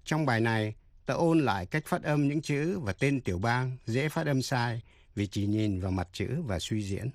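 A man's voice: medium pitch, expressive, moderate pace, no room sound, studio quality. A man teaching an English lesson on the radio, explaining pronunciation carefully and spelling words out letter by letter.

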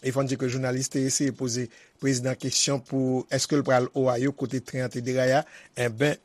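A man's voice: medium pitch, level tone, a little fast. A man presenting the news as anchor, in a conversational style with spoken fillers.

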